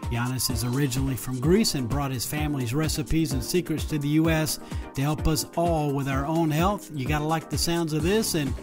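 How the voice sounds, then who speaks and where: A male radio host introduces the show and his guest in an upbeat, scripted way and drops friendly asides between questions. His voice sits slightly high for a man, with faint music underneath. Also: normal speed. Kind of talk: radio interview hosting.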